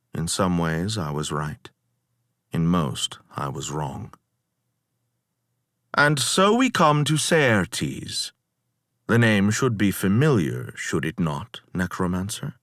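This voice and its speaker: A man performing a dramatic poetic monologue as the proud, bitter ghost of Odysseus, measured, theatrical and sardonic in archaic phrasing. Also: fairly low pitch, fairly bright tone, no room sound, studio quality. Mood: solemn narrating, then stern, disdainful. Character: weary, proud, bitter Odysseus's ghost recounting his voyage.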